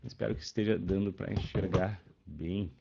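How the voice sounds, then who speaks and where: A man's voice: deep voice, steady tone, normal speed, vocal fry, warm tone. Man teaching in a lo-fi online class. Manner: patient, checks in often with students. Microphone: webcam microphone. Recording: dull lo-fi online class audio.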